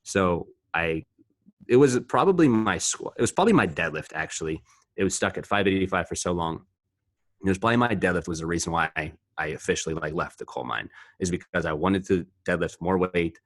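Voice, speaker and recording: A man's voice: sits low, expressive, a little fast, no room sound. A man in his twenties, a podcast co-host and powerlifter, telling rambling, profane stories in casual chat.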